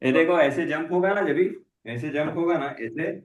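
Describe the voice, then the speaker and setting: A man's voice: fairly high pitch, moderate pace. A man coaching a live jump rope class, mixing Hindi and English and repeating short commands. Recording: echoey room.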